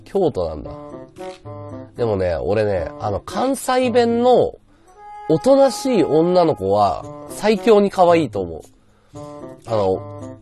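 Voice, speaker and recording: A man's voice: sits high, dark tone. A man streaming live, chatting casually and answering his viewers' comments aloud. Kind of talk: casual livestream chat.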